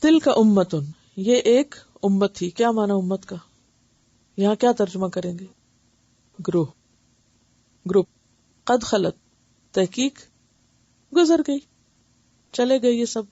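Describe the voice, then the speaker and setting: A woman teaching Quran recitation and tajweed, patiently explaining each point and demonstrating letter sounds slowly, often checking that listeners follow. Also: medium pitch, lively intonation, warm tone, dry recording. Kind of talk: tajweed lesson with translation. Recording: dull dry lo-fi recording.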